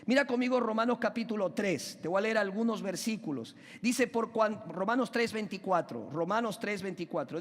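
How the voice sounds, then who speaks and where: High-voiced preacher in a reverberant church. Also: male voice. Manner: questions the congregation and asks them to call out answers; emphatic, drawn-out stresses on key words. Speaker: pastor. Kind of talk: preaching a sermon. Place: church sanctuary. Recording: long hall reverb in a church.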